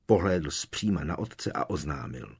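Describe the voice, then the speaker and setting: A man narrating an audiobook in a measured, solemn reading. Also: extremely low pitch, expressive, gravelly, breathy edge. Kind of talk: scripted narration.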